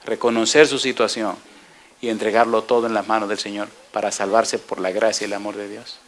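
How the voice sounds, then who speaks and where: A man's voice: lowish voice, flat delivery, fairly quick. Fervent male pastor preaching. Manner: fervent preaching, rising and dropping to a hush. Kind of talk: sermon with altar call and prayer.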